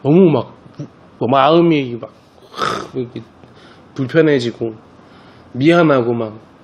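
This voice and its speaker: A man gives a children's catechism class as their priest, easing into a story and speaking straight to the kids. His voice sits at an ordinary pitch for a man. The recording sounds a little dull and lo-fi. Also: slow, breathy edge. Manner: relaxed storytelling, talks directly to the children.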